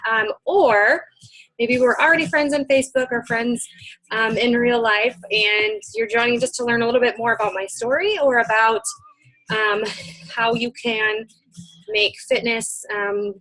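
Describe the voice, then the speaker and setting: A woman's voice: a little high, measured pace, bright, forceful tone. A young woman from Michigan hosting a casual webinar, chatty with many ums, slightly out of breath, speaking into a computer mic at home. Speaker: webinar host. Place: home room.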